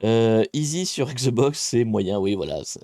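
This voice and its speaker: A man's voice: medium pitch, lively intonation, a little slow, dark tone, no room sound, studio quality. A man hosting a casual live-stream hacking tutorial, chatty and self-deprecating, greeting viewers and hesitating often. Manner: chatty, rambling, many hesitations.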